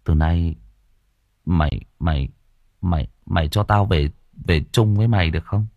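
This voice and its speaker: A man voicing a big, burly teenage boy who stammers and talks in a hushed, scared way in an audiobook. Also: fairly low pitch, unhurried, lo-fi sound. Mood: pleading. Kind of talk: audiobook character voice.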